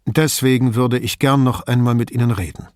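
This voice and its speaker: A tactful middle-aged police commissioner speaks, as a male narrator plays him for an audiobook. His tone is polite and measured, and the voice is mid-pitched. The recording is dry and close. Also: fairly even intonation, clear, resonant tone, no echo, natural voice.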